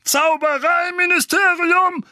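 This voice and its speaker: A man's voice: medium pitch, huge pitch swings, slow pace, a bit bright, husky, no room sound, studio quality, heavily acted. A man voicing a blustering, furious middle-aged uncle who barks and bellows at his nephew. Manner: bellowing, barking.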